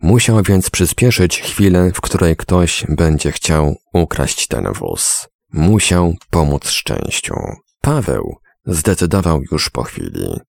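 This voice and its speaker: A man giving measured, dramatic scripted narration of a story. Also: sits low, very animated, vocal fry, no echo, studio quality. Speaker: audiobook narrator.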